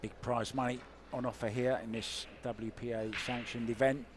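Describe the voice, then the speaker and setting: A man's voice: medium pitch, flat delivery, moderate pace, noisy background. Male pool commentator, chatty play-by-play. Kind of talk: live sports commentary.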